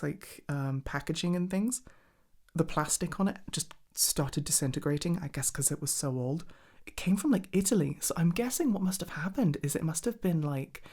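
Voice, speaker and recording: Her voice is low and a little mellow as she rambles through a casual ASMR chat. This hobbyist creator is enthusiastic and swears freely, her delivery hesitant and wandering.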